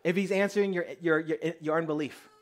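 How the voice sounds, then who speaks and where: A man preaching a sermon, telling testimony stories in a lively, conversational way and speaking straight to the congregation. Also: a little high, fast. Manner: lively storyteller, acting out dialogue; conversational, addresses the congregation directly.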